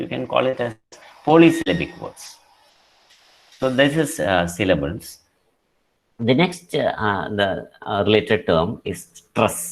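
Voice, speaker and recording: A man with a Malayali English accent giving an online lecture, explaining slowly with many fillers and switching into Malayalam. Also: fairly low pitch. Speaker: English teacher.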